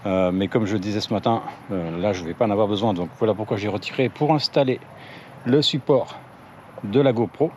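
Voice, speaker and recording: A man's voice: lowish voice, fairly quick, darkish tone. A man doing a casual, hesitant walkthrough of his bike gear for his channel, with many fillers and self-corrections. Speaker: cycling vlogger. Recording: dull lo-fi audio with faint ambient noise.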